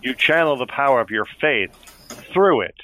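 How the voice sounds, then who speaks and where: A man's voice: medium pitch, lively intonation, moderate pace, fairly bright tone, slight background noise. A man playing a tabletop role-playing game, explaining his reasoning and narrating what his character does. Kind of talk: in-game discussion, narrating own character's actions.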